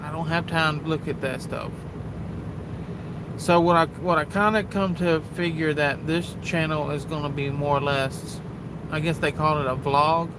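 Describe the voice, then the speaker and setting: A trucker from Texas talks in a loose, rambling, folksy way, repeating himself as he goes. His voice sits a little higher than most men's. Engine and road rumble hum clearly behind him. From Houston, Texas. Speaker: truck driver vlogger. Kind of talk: casual vlog monologue.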